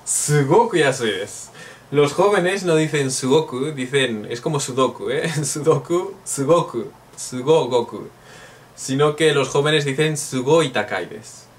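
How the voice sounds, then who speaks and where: A man's voice: medium pitch, expressive, unhurried, distant mic, slight background noise. A man from Spain, teaching a playful online Japanese lesson and drilling phrases aloud.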